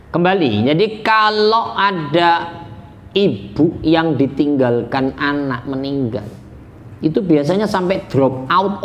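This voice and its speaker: A man preaching a religious lesson in a relaxed, conversational way humorous asides, mixed in. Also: sits high, slight background noise. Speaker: Islamic preacher. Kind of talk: religious teaching.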